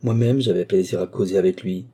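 A man's voice: deep voice, breathy edge. Man doing a weary aging lawyer. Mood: gentle. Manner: slow, gentle and pleading, with heavy pauses.

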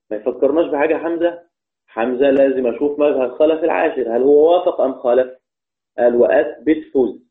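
A man with an Egyptian accent gives a patient recitation lesson in a mid-pitched voice. He repeats each key word and checks his listeners with quick questions. The recording sounds thin and phone-like. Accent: Egyptian Arabic. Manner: repeats key words, asks students questions. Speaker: Quran recitation teacher. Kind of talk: explanatory lesson. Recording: tinny phone-like audio.

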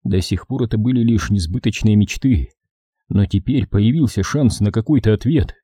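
A man reading an audiobook as narrator, in a steady, measured voice. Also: fairly low pitch, breathy edge, dry recording, studio quality. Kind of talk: scripted narration.

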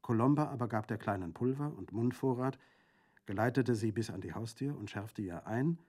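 A man narrating a classic novel in a measured storytelling manner. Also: mid-range voice, mellow. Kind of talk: literary audiobook reading.

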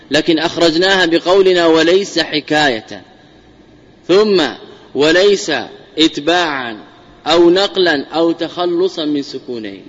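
A man giving a classical Arabic grammar lesson as a sheikh, speaking deliberately and repeating key phrases to drive definitions home. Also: fairly high pitch, fairly bright tone. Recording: muffled lo-fi lecture audio with long hall reverb.

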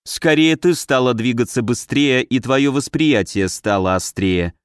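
A man voicing a knowing female demoness who speaks in a measured way in an audiobook. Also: mid-range voice, clean tone, no echo, studio quality, close to an everyday voice. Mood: calm.

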